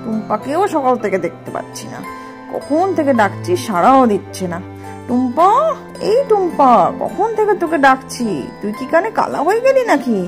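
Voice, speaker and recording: A woman voicing a cruel middle-aged stepmother in a cartoon story, with harsh, shrill scolding. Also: lively intonation, brisk, close to an everyday voice. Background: music.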